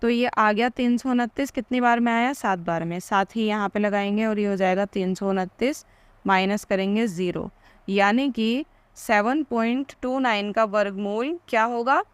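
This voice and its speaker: A woman's voice: medium pitch, moderate pace, smooth, dry recording. Woman explaining maths step by step. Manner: asks questions and answers them herself. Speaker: maths teacher.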